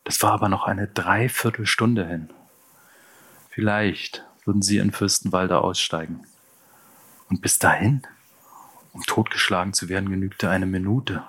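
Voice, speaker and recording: A man narrating an audiobook in the first person, measured and tense. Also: low voice, fairly even intonation, fairly bright tone, slightly rough. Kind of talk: scripted narration.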